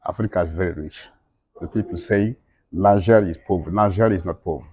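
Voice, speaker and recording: A man's voice: low voice, moderate pace, a little mellow, slightly rough, no room sound. A middle-aged man speaking emphatically in broken, non-native English, repeating his points as an interviewee. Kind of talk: impassioned conversational speech.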